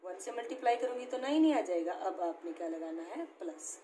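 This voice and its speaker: A woman teacher walks her pupils through math step by step, frequently checking in with them, in a classroom-style lesson. Her voice is fairly high, very animated, mellow, and a little fast. The room is echoey with faint background noise.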